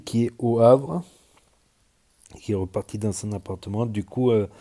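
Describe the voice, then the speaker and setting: A man's voice: low voice, warm tone. A man with a southwestern French accent, rambling casually with frequent hesitations as he comments on social media stories. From southern France.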